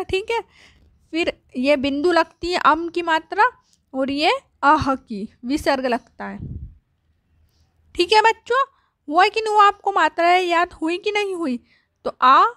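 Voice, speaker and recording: A woman teaching young children at a board. She asks questions and answers them herself, and she draws out each letter sound slowly. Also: extremely high pitch, fairly bright tone, no room sound, studio quality. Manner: slow, drawn-out sounding of letters.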